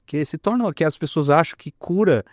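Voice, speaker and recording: A man, a pastor telling a healing story in an animated, emphatic way. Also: fairly high pitch, normal speed, dry recording, clean studio sound. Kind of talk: testimony in a conversation.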